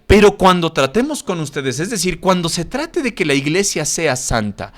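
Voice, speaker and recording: A man's voice: fairly high pitch, sing-song, normal speed, a bit bright. A man teaching a Bible class as a pastor, emphatic and scolding, full of rhetorical questions. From Mexico. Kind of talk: sermon-style Bible lesson.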